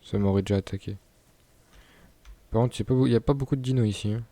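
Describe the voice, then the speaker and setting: Young man chatting over gameplay, mellow voice. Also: on the low side, quick pace. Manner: chatty, laughs and stumbles over words. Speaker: gaming YouTuber. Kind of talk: casual gameplay commentary.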